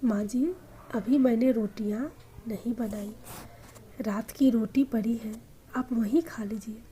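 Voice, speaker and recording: Offhand busy daughter-in-law, dismissive, higher voice, read by a woman. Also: fairly even intonation, unhurried, warm tone, slight background noise, natural voice.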